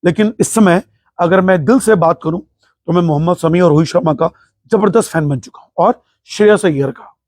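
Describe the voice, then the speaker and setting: Passionate man with a high voice. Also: a little fast, darkish tone, no room sound, clean studio sound. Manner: passionate, emphatic, patriotic. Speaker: host of a cricket talk show. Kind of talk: opinionated cricket commentary monologue.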